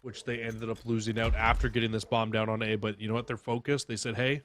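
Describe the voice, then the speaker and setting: A man's voice: on the low side, completely flat delivery, fast talker, a bit bright, slight background noise. A man giving live esports commentary and analysis as a caster, emphatic and opinionated, stressing points by repetition.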